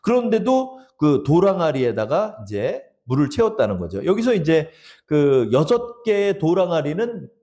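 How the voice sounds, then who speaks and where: A man's voice: fairly high pitch, very animated, moderate pace, mellow. A male pastor preaching a sermon in a church, telling stories with chuckles and leading the congregation in repeating lines. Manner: storytelling with chuckles and acted quotes, leads congregation in repeating lines. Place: church sanctuary.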